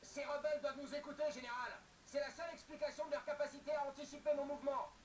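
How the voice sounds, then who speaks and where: A man's voice: very high-pitched, flat delivery, fast talker. A male actor playing urgent, stern military men in clipped, commanding video game radio dialogue. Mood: tense, urgent. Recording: distant, echoey, noisy game playback.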